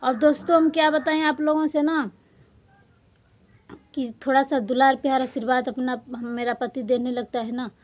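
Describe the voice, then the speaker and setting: एक परेशान, ऊँची आवाज़ वाली महिला. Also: female voice, sits high, fairly even intonation, normal speed. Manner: distressed, pleading, repetitive; defiant outburst. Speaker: vlogger. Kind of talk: emotional personal vlog.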